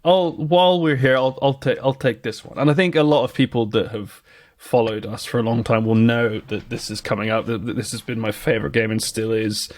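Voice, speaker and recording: A man's voice: medium pitch, fairly even intonation, fairly quick, dry recording. A British man co-hosting a podcast, chatting casually and enthusiastically about nostalgic memories. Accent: British English. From Britain. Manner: enthusiastic, nostalgic, restarts often. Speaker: podcast co-host.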